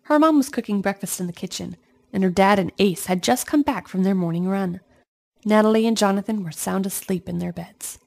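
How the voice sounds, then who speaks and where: A woman reading a children's storybook aloud in an expressive storytelling manner, speaking to young listeners. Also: medium pitch, fairly quick, vocal fry. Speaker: storybook reader.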